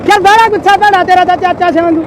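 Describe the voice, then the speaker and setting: High-voiced boisterous man teasing. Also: fairly even intonation, rapid-fire, noisy background. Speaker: comic prankster. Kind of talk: teasing village banter. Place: outdoors on a farm by tractors. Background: music.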